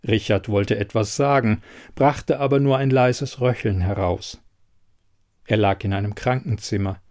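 Male audiobook narrator, measured and even, scripted story reading. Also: mid-range voice.

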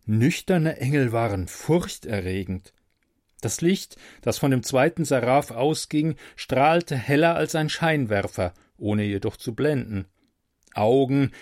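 Brief: male audiobook narrator, unhurried, wry and expressive, dry close mic, mid pitch. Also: no echo. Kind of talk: first-person fantasy audiobook narration.

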